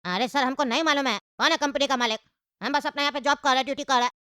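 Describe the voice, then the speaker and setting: A woman's voice: high-pitched, fairly even intonation, rapid-fire, bright, forceful tone, no echo, studio quality, faint music behind. A woman voicing a polite, apologetic male airport counter clerk in a cartoon.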